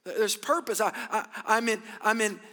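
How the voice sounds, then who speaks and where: A man preaching at a pulpit microphone, his voice high for a man and driving hard. He pushes every point with rhetorical questions and has the congregation repeat phrases back. His words ring out with a long reverb through a big church hall. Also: normal speed, sharp tone. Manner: emphatic, rhetorical questions, call-and-response with congregation. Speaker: pastor. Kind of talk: sermon.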